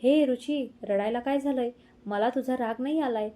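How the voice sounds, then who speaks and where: A man's voice: extremely high pitch, moderate pace, dark tone. A woman reading as a teasing young husband. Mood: reassuring. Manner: affectionate, playful teasing.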